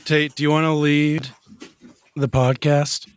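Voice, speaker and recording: A young man co-hosting a podcast in casual chat, his voice hoarse from a fever, talking in a low-key way. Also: little pitch movement, slow, a faint crowd, a little hiss or hum. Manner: low-key, talks little while sick. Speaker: podcast co-host.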